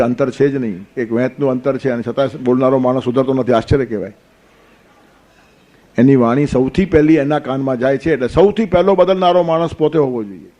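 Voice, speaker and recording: A man's voice: medium pitch, mellow. A man giving a discourse on a sacred text, explaining with homely stories and counting aloud. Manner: storytelling with counting and playful asides. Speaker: spiritual teacher. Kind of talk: Gita discourse.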